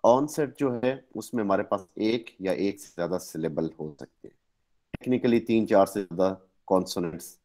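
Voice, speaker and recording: A man's voice: low voice, moderate pace, warm tone. A man with a Pakistani accent giving an online lecture, explaining step by step and correcting his own slips. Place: online class.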